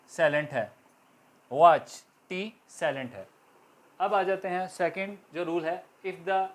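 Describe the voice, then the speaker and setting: A man with a Pakistani accent, an Urdu speaker, giving an English lesson in a classroom-style lecture and spelling words out letter by letter. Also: a little high. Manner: slow, deliberate, spells out letters one by one. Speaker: English teacher.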